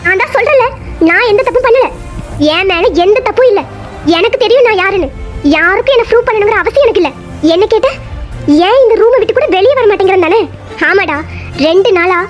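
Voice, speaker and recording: Woman doing an emotional young college woman, cartoon, very high voice, faint music. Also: a little mellow. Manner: pleading then defiant, emotional. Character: wronged young woman, college student, defiant.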